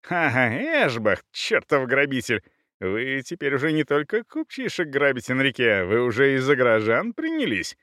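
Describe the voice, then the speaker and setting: A man's voice: mid-range voice, huge pitch swings, normal speed, pushed and bright, no room sound, studio quality, pitched above the performer's own voice. A man voicing a sly gloating old nobleman. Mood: mocking. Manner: mocking, gloating.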